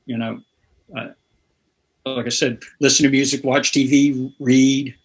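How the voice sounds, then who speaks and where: A guest guitarist in his sixties, originally from North Carolina, wanders through anecdotes in a casual interview, chuckling as he goes. His medium-pitched voice barely moves in pitch, and his pace is a little slow.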